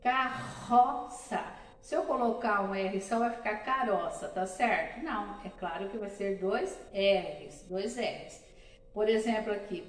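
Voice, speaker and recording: A woman's voice: medium pitch, reverberant, distant mic, low-quality recording. A woman from Brazil teaching a primary school class, explaining patiently and repeating examples syllable by syllable. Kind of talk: classroom lesson.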